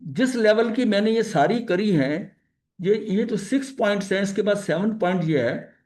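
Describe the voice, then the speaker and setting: A man with a notably high speaking voice leads a religious study session. He teaches conversationally, circling back with filler phrases and restarting sentences. He drops English terms into his explanations. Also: moderate pace, a little mellow. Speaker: spiritual study leader.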